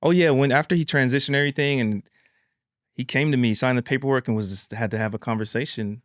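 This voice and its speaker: A man's voice: mid-range voice, steady tone, fast talker, no echo, clean studio sound. A man hosting a podcast, telling a heartfelt personal story in an earnest, emphatic way and calling the listener "man" and "bro". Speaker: podcast host.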